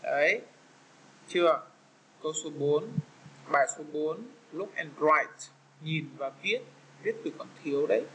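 A man with a Vietnamese accent teaching young children English, patiently walking through an exam and repeating each word slowly. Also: fairly high pitch, pushed and bright, slight background noise, poor audio.

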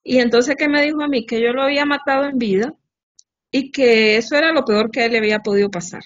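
A woman recounting a story in conversation, lively and full of tag questions. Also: fairly high pitch, fast. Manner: animated, with frequent tag questions. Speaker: interviewee. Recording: dull lo-fi recording.

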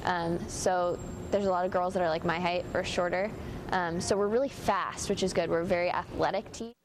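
A young woman in her twenties answers interview questions in a chatty, easygoing way, full of ums and likes. Clear background noise runs under her voice, with a low rumble. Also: fairly even intonation, brisk. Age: 20s. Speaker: student interviewee. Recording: noisy background.

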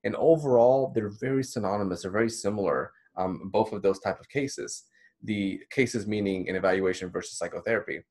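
Man, thirties, from the Dominican Republic, lower register; counselor leading a friendly training slideshow. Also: brisk, darkish tone. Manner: conversational, encouraging, with many fillers. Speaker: counselor teaching a course. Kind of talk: recorded slideshow lecture. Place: small indoor room.

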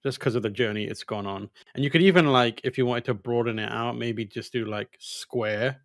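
A man at medium pitch and normal speed chats casually as a podcast panelist indoors. He's close-miked on a boom-arm microphone and headset, so there's no room sound.

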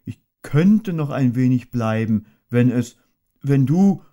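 A plump, good-natured storybook bear with a full, slightly raised voice, as a man puts him on. He drawls slowly and hums to himself, lilting up and down in lively turns. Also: medium pitch. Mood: cheerful, slow. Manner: slow, hummy and deliberate. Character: plump honey-loving male bear, simple and good-natured. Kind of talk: audiobook character voice.

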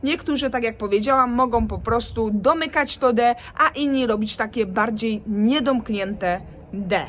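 A young woman giving a casual, chatty video lesson on Spanish pronunciation, tired from working late but animated. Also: a little high, normal speed, slight background noise. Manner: chatty, informal, animated explainer.

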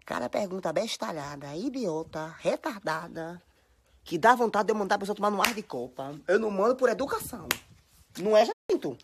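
With a Bahian Brazilian Portuguese accent, a young social media personality chatters and scolds dramatically into her phone at home. Her voice sits at medium pitch, expressive and a bit quick, with a noisy background behind her casual phone stories.

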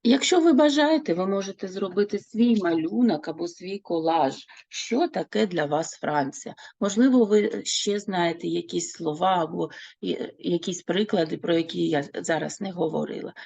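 A woman teaching a French lesson, speaking slowly and clearly and repeating words for her learners. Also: lowish voice, darkish tone, no echo, lo-fi sound. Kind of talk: online language lesson.

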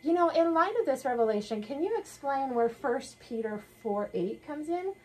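A woman co-hosting a sermon discussion in a small wood-paneled room, speaking in a measured, thoughtful way. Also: high voice, animated, darkish tone, rough recording. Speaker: co-host. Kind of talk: conversational sermon dialogue.

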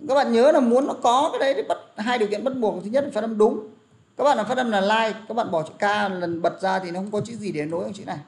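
High-voiced man teaching pronunciation. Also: quick pace, creaky. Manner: repetitive, drills words aloud, many fillers like "đó". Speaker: English teacher. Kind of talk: classroom lesson explaining pronunciation. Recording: faint background noise and clicks.

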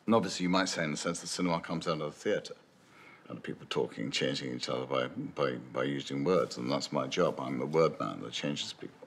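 An older man, a screenwriter, answering interview questions in a thoughtful, musing way, often restarting phrases and adding "you know". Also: extremely low pitch. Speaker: screenwriter interviewed about his film. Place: dim indoor room with lamps behind. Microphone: medium shot, seated, unseen mic.

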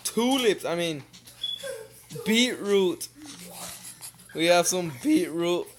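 A man casually commentating his own gameplay, excitable and quick to swear as he reacts aloud. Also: sits high. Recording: noisy home recording.

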